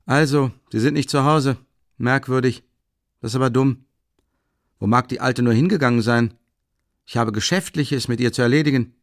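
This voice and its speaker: A man's voice: medium pitch, moderate pace, long pauses, no room sound, clean studio sound, pitched above the performer's own voice, natural voice. A man voicing an impatient, exasperated visitor who grumbles and curses in an audiobook. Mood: grumbling.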